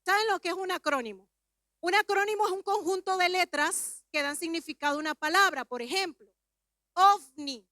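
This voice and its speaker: A woman preacher giving a Pentecostal sermon, teaching calmly, then rising to shouted fervor. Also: very high-pitched, moderate pace, no room sound, clean studio sound.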